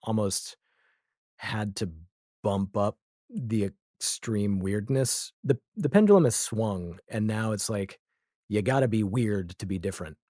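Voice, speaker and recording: An audio drama creator appears as a podcast guest, reflecting casually and explaining his thoughts through examples. His lowish voice is warm with lively intonation and a measured pace, recorded in studio quality with no room sound.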